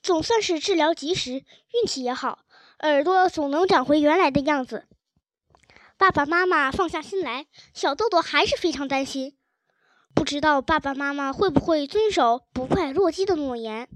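A woman narrating a children's storybook chapter with a gentle, expressive reading. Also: high voice, moderate pace, dry recording. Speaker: audiobook narrator.

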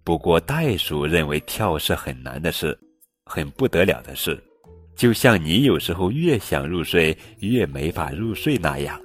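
A man voicing a calm, kindly patchwork elephant who speaks gently and evenly. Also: deep voice, unhurried, soft background music, heavily acted.

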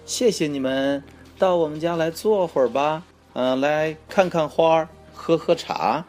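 A woman voicing a polite, cheerful little dog in a children's storybook, with a high, squeaky, apologetic lilt. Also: unhurried, a little mellow, faint music behind. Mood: welcoming.

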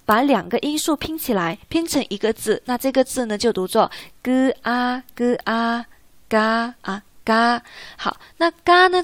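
Brief: higher-voiced woman teaching in a dry room. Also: no room sound. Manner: patient, asks the listener rhetorical check questions. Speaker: Korean language teacher. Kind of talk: classroom-style explanation.

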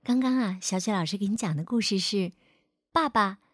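A woman telling a storybook tale to small children in a gentle, coaxing way. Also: mid-range voice, fairly quick, no room sound, studio quality.

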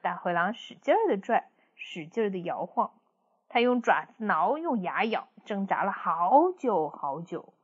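A woman's voice: mid-range voice, sing-song, unhurried, husky, highs cut off. A woman storyteller reading a children's story expressively.

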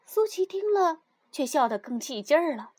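Animated woman reading a children's story. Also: sits high, moderate pace.

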